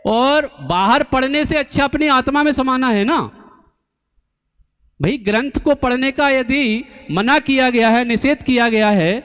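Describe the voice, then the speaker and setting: A man giving a slow, deliberate religious discourse, teaching through rhetorical questions and pauses. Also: extremely high pitch, fairly bright tone, smooth. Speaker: Jain scholar and preacher. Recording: long hall reverb.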